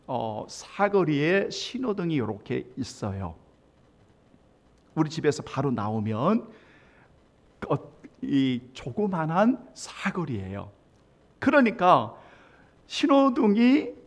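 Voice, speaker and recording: A man preaching a sermon as pastor, telling a story and acting out the voices in it, with sudden loud emphatic swells. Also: fairly high pitch. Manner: acts out quoted voices in the story.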